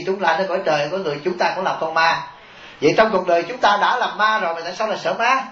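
A man's voice: high-pitched, pushed and bright, a little hiss or hum. A man, a Buddhist monk giving a humorous sermon, often chuckling and asking his listeners rhetorical questions. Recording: echoey, dull taped sermon recording.

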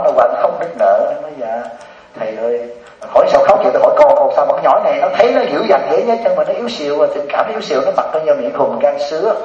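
Joking Southern Vietnamese monk, echoey hall. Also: male voice, medium pitch. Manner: lively joking storyteller, teasing. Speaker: Buddhist monk teacher. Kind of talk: humorous dharma talk to a congregation. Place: hall with a live audience. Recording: roomy dull sound from a distant mic.

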